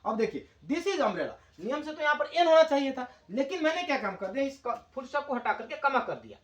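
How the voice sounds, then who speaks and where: A man teaching English grammar, explaining slowly in Hindi and repeating key words for his class. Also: extremely high pitch, lively intonation, roomy sound.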